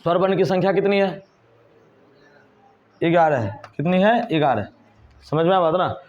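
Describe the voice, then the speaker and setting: A man's voice: high voice, expressive, moderate pace, darkish tone. A man teaching a whiteboard grammar lesson, asking the class questions and answering them himself. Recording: dull lo-fi recording.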